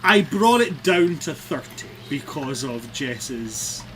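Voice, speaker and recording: A man's voice: medium pitch, very animated, slow, a bit bright, a little hiss or hum. A Scottish man casually narrating and chatting as the game master of a tabletop game. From Scotland.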